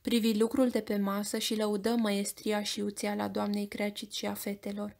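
A woman with a Romanian accent reading an audiobook in a measured storytelling voice. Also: medium pitch, monotone, gravelly, a little mellow. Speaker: audiobook narrator.

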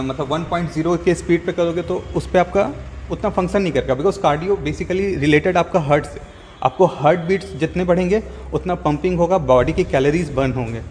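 A young man, a gym member, explaining things on camera in a steady, instructive way, mixing English words into his talk, recorded on a lapel mic in an indoor gym. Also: fairly high pitch. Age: young adult. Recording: reverberant gym with faint ambient noise.

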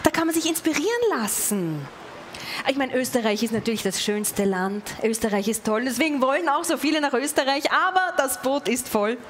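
A woman's voice: high voice, expressive, a little hiss or hum. A Viennese woman in her forties doing ironic stand-up cabaret on a large open-air stage, on a headset mic. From Vienna, Austria. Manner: ironic, quick-witted. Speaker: cabaret performer.

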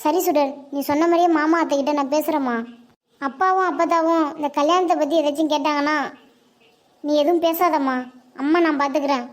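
A woman doing a long-suffering cartoon mother, very high voice, brisk pace, soft, placating and resigned. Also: steady tone, close to an everyday voice. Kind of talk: Tamil cartoon voice acting.

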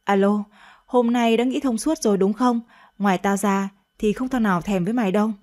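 A woman's voice: medium pitch, brisk, a little mellow, close to an everyday voice. Crude young husband, cold, mocking, woman doing the voice, radio story.

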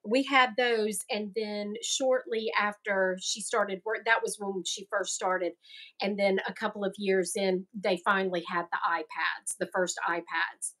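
A woman's voice: mid-range voice, fairly even intonation, a little slow, a bit bright. A middle-aged woman from the American South, hosting a knitting podcast in casual, rambling chat and laughing often. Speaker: podcast host.

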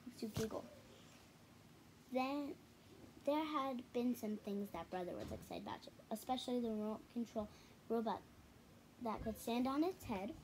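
A child of roughly ten to twelve, a girl with a fairly high, darkish-toned voice, reads a picture book out loud in a halting way, repeating words and pausing for casual asides. She's captured on a home camera in a living room, and the audio is poor with some background noise.

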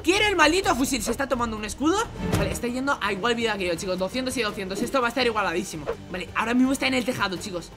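Young spanish guy yelling and whispering over his game, really high voice, loud music behind. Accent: Spain Spanish. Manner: excitable, swings from hushed whispers to shouts, repeats words rapidly. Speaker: gaming YouTuber. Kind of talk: excited gameplay commentary.

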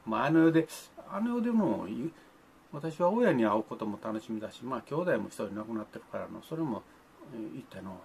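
A man's voice: on the low side, a little mellow, slight background noise. An older man, talking to children in a folksy, grandfatherly way, with old-fashioned speech and playful sound effects. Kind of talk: folksy monologue to the camera.

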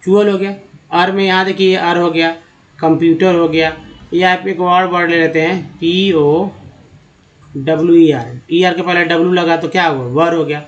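A man teaches viewers how English letters are read, with a fairly high voice. He asks a question, answers it himself, and repeats the key sounds. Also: steady tone, normal speed, highs cut off. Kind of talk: explaining lesson to viewers.

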